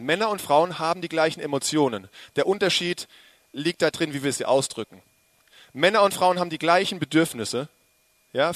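Man, preacher, sermon, lively and joking, speaks to the congregation directly, slightly high voice, dry close sound. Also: no echo.

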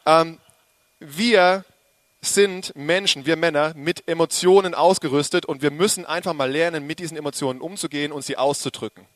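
A man delivers a sermon in a lively, joking way and turns straight to his listeners. His voice sits a little high for a man. The sound is dry and close, with almost no room echo. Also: fast talker, hardly any pauses. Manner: lively, joking, addressing the congregation directly. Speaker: preacher.

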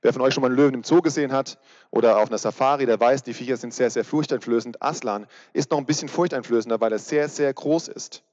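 A man's voice: mid-range voice, fast, a little mellow. A man preaching a casual youth sermon, chatty and asking his listeners direct questions. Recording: reverberant hall, dull sound.

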